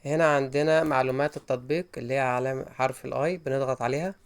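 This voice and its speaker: A man with an Egyptian Arabic accent talks through a phone how-to at a brisk clip. He guides the listener step by step in an instructional voice-over, with an ordinary mid-range pitch. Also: steady tone, clear, resonant tone. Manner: quick instructional, guiding step by step. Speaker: tech tutorial host.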